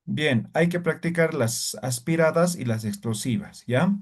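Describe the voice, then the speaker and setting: A male language teacher leads his class at an unhurried pace, patient and methodical. He keeps stopping to check that the students follow with quick tag questions. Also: on the high side, husky. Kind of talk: online class instruction.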